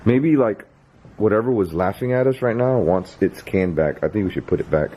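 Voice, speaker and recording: A man calling out questions to spirits on a bridge at night as an amateur ghost hunter, excitable and casual. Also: lowish voice, moderate pace. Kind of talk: casual ghost-hunting vlog. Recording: loud outdoor noise on camera audio.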